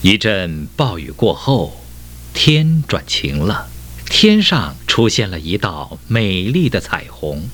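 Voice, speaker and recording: Male lesson reader, deep, unhurried delivery with a very lively melody. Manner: expressive, deliberate storytelling. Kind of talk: reading a textbook story aloud.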